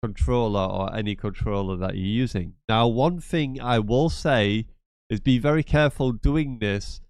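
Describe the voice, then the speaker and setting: Congested from a cold, a gaming channel host talks in a lowish, blocked-up, nasal voice at a moderate pace. His casual screen-share tutorial is chatty and repetitive and full of rambling asides, and the tone is clean with no echo.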